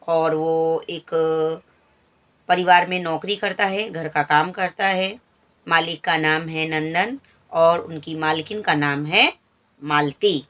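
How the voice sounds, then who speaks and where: A woman's voice: on the low side, fairly bright tone. A woman Hindi teacher explaining a textbook story, reading a line and then re-explaining it in plain words, on a slightly dull recording.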